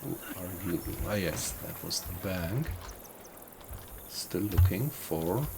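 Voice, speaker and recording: A man's voice: sits low, lively intonation, slow pace, creaky, background noise. A man giving casual gameplay commentary, musing to himself and asking himself questions as he goes. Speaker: gaming video host.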